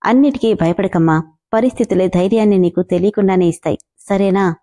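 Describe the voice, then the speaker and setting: Woman reading as a gently firm mother. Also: mid-range voice, fairly quick, lightly acted. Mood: coaxing. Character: caring middle-aged mother, gently firm.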